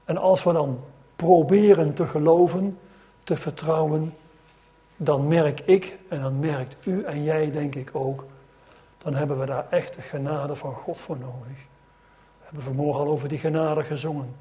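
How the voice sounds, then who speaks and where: A man's voice: on the high side, fairly even intonation, normal speed, dark tone. Dutch-speaking male preacher telling a story. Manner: storytelling, with many restarts and rising emphasis. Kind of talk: sermon.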